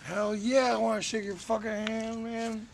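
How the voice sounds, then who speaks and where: A man with a high, gravelly voice chats on the street in insistent, sweary slang. He is caught quietly from a distance under very loud background noise. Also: flat delivery, moderate pace. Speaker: passerby met while exploring. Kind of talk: casual street chat.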